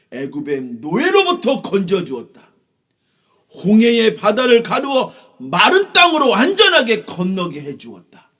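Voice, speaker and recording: Fields: Voice: a man doing God. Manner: booming, slow, stern. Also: heavily acted. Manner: slow, loud, proclaiming. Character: booming, stern divine voice of God, angered by his people.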